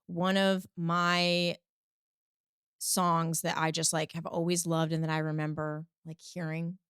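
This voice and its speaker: A woman from Texas talks as a podcast guest in a relaxed, chatty way, laughing easily and drifting into side stories. Her voice sits a little low for a woman. The recording is dry and close, with no room sound. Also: unhurried, smooth, no room sound. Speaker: podcast guest, singer-songwriter. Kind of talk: casual interview chat.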